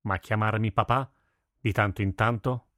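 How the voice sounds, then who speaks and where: Man doing a gruff blacksmith dad, low voice, fed up, dry storybook read. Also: steady tone, normal speed, a bit bright, dry recording, lightly acted. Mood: exasperated. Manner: exasperated, scolding. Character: burly, gruff middle-aged blacksmith father.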